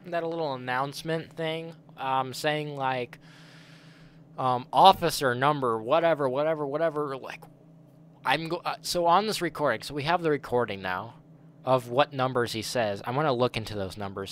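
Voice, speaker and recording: A man's voice: medium pitch, moderate pace, fairly bright tone, smooth. Chatty male gaming commentator. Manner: chatty, reacts aloud to the game and the chat. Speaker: gaming channel host. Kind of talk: casual let's play commentary.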